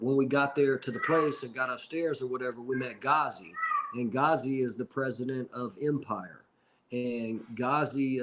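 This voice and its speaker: Man in his forties, rapper guest, casual rambling storytelling, filler-heavy talk, middle-pitched voice. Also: slight background noise, rough recording. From Seattle. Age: 40s. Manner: rambling, frequent "you know what I'm saying".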